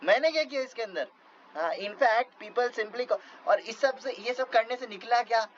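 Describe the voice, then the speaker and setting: A man's voice: extremely high pitch, measured pace, fairly bright tone, lo-fi sound, pitched above the performer's own voice. A man voicing a young, playful holy man who complains in a teasing way. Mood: indignant.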